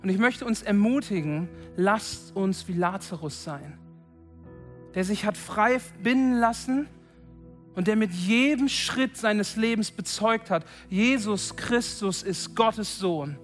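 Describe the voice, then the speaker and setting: A man preaching a sermon at a church service, impassioned and building to loud calls to his listeners. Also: high-pitched, slow, faint music behind.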